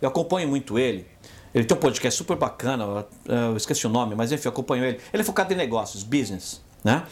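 Um homem apresentando um podcast numa conversa descontraída, que repete palavras e pergunta "você entendeu?" o tempo todo. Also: male voice, mid-range voice, quick pace. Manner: animated, repeats words often, checks in with "você entendeu?". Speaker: podcast co-host. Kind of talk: casual chat.

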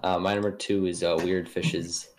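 Very deep, hesitant man. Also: level tone, moderate pace, darkish tone. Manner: hesitant, many ums and uhs, low-key. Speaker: podcast co-host. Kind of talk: casual chat reviewing an album.

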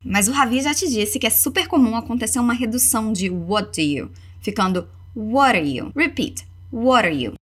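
A Brazilian woman teaching English in a lesson, explaining quick and modeling phrases slowly for repetition. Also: on the high side, lively intonation. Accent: Brazilian Portuguese. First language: Portuguese. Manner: slow, over-articulated model phrases between quick explanations. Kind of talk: language lesson with repeat-after-me drills.

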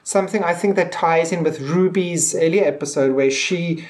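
Her voice fairly low and darkish at a normal pace, a podcast co-host chats casually about a TV episode. Her phrasing is hesitant and wandering as she works out what she thinks.

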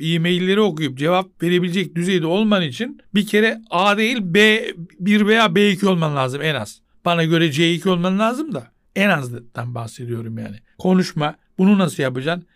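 A man's voice: fairly high pitch, no echo, studio quality. A man hosting a podcast on his own, giving casual advice. He asks himself questions, answers them, and repeats his key points. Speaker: podcast host and translator.

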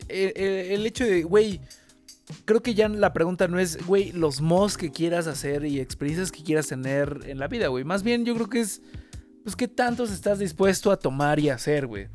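A man's voice: high voice, moderate pace, darkish tone, soft background music. A man with a Mexican accent in a casual chat, his talk slangy and peppered with güey.

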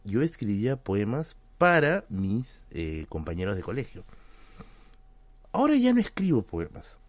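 Animated Peruvian man telling a story. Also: fairly low pitch, a little slow, no echo. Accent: Peruvian Spanish. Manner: animated, slangy anecdote with frequent "¿ya?" and "¿no?" check-ins. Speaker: livestream host. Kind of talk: casual storytelling to a stream chat.

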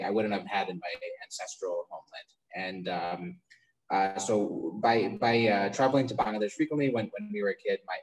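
A young man with a fairly low voice answers podcast questions in a relaxed conversational way. He speaks haltingly, repeating words and restarting sentences as he works out what to say. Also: poor audio. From United States. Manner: halting, repeats words often while thinking. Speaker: podcast guest, startup founder. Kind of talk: casual interview conversation. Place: remote call from abroad.

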